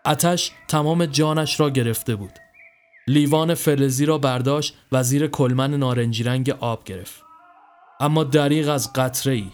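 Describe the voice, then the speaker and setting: A man's voice: mid-range voice, a little mellow. Man narrating a horror story.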